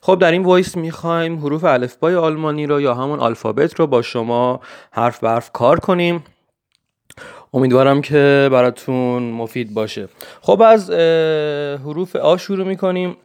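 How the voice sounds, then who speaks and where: A man teaching German pronunciation in a voice note, saying each letter slowly and carefully and asking listeners to repeat. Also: fairly high pitch, a little mellow, smooth. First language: Persian. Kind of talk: voice-note language lesson.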